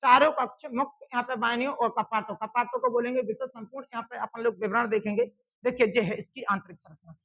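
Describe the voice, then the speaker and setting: A woman teaching a classroom science lesson. She drills the students with call-and-response questions and repeats the answers slowly and loudly for emphasis. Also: on the high side, fairly even intonation, dull audio.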